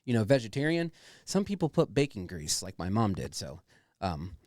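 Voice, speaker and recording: Male podcast host, chatty and enthusiastic, lively pitch swings, close dry sound, informal and sweary. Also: moderate pace, dry recording. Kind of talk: casual chatty show introduction.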